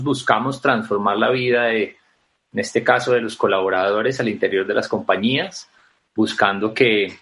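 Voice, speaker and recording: A man answering as an interview guest, explaining his company in a measured, formal way. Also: fairly low pitch, fairly bright tone.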